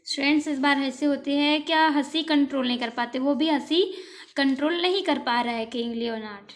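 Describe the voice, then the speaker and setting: A woman's voice: high voice, brisk. A woman teacher explaining an English lesson to students, translating line by line and asking and answering her own questions.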